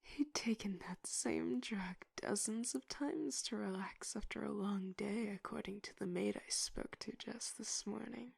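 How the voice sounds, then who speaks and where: In a whispered role-play, a woman plays a stern, condescending tough-cop detective conducting an interrogation, her breathy voice slow and intimidating. Her voice is mid-range with a darkish tone and no echo, fully in character, and her mood is dismissive and matter-of-fact.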